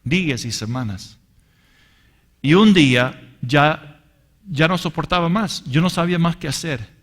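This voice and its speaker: Male Bible teacher, earnest and deliberate, slightly high voice with a bright, forceful edge. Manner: earnest, addresses listeners as brothers; deliberate and emphatic. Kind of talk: sermon teaching with personal testimony.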